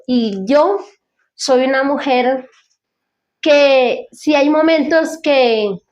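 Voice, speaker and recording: A woman giving an earnest, devout personal testimony as an interview guest, talking in halting restarts. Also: on the high side, darkish tone.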